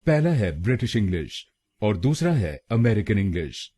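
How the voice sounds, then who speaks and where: A man from India teaching pronunciation in a scripted lesson, speaking slowly and deliberately and repeating each word twice. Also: lowish voice, sing-song, mellow.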